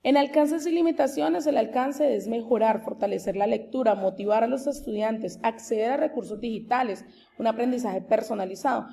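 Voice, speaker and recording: A woman presents her graduate thesis in a formal academic tone. Her voice sits on the higher side, and its timbre is soft and mellow. She explains each point steadily. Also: moderate pace, vocal fry, slight background noise. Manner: steady, explanatory, with occasional restarts. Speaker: master's degree candidate presenting her thesis.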